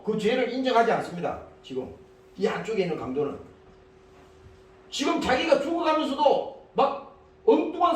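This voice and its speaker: A man preaching a sermon as pastor. He reads scripture, then breaks it down in plain speech and asks the congregation frequent rhetorical questions. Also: high voice. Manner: switches between scripture reading and casual speech. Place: church sanctuary. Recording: very echoey hall, mic far off.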